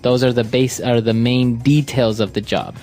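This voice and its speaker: A man from Ecuador co-hosting an English lesson podcast, explaining vocabulary calmly and steadily. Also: medium pitch, moderate pace, soft background music. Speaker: co-host.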